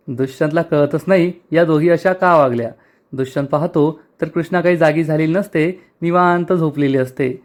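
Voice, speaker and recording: A man retelling a TV serial episode in lively storytelling style. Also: a little high. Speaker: serial recap narrator.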